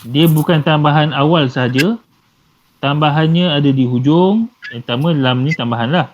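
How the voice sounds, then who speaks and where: Male teacher, patient and repetitive, slightly high voice, muffled lo-fi recording. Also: normal speed. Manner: patient, repeats and translates terms, many fillers. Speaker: Arabic grammar teacher. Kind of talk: live class explanation. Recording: dull lo-fi with faint noise.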